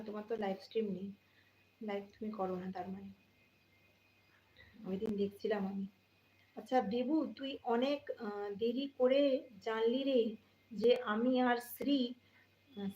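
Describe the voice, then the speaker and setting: A live stream host chats casually, greeting viewers by name, speaking to them directly and often repeating phrases. Her voice is a little high and slightly mellow, recorded dull and lo-fi with roomy echo and faint noise.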